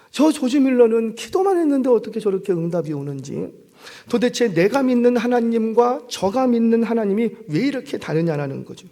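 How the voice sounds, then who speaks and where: A middle-aged male pastor preaching a sermon, telling a story and acting out its characters with shifting voice and loudness. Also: high-pitched. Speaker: senior pastor.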